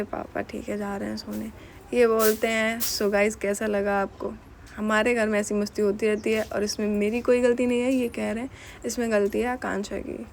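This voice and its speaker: A woman's voice: fairly high pitch, a little hiss or hum. A young woman narrating a casual home vlog, telling a story in a chatty, giggly way. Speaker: vlogger.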